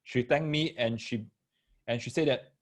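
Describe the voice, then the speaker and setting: Mid-range and at a normal speed, a man teaches maths in a live online lesson aimed at parents and children. His Singaporean accent comes with Singlish particles, and he explains step by step, repeating phrases and checking that everyone is following.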